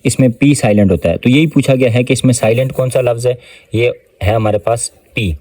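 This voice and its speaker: A male English tutor with a Pakistani Urdu accent works through test questions in a mellow, low-key voice. His sentence readings come slow and deliberate, with pauses between his explanations. The sound is close and dry. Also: no echo. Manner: explains step by step with frequent fillers. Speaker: English teacher. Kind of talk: test-prep lesson explaining answers.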